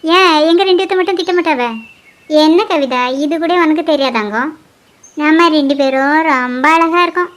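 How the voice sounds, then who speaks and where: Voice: high-pitched, normal speed, a bit bright. Someone voicing bold teasing village girlfriends. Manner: teasing, questioning.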